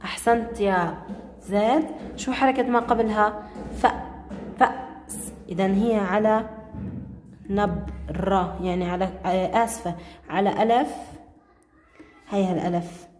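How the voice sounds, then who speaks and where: A woman teacher, quizzing pupils by name and repeating grammar rules slowly. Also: medium pitch, darkish tone, reverberant, big-room sound. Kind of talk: classroom grammar lesson. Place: classroom.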